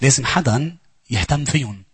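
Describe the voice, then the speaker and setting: Fast, husky-voiced Lebanese man preaching. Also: dry recording. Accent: Lebanese Arabic. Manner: animated, swings between loud urging and low asides. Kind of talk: sermon.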